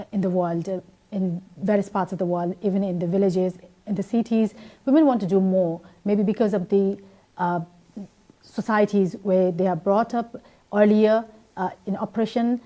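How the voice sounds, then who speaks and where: A woman from Nepal, in her thirties, answers questions as a guest on a TV interview. Her voice is mellow and warm, and she pauses often with fillers and restarts mid-sentence. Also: medium pitch. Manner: hesitant, many fillers and restarts.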